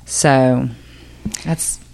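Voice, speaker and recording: A woman's voice: rumbling low, fairly even intonation, very slow, creaky, darkish tone. A woman co-hosting a podcast, affirming and reflecting on what others say. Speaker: podcast co-host. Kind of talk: conversational chat.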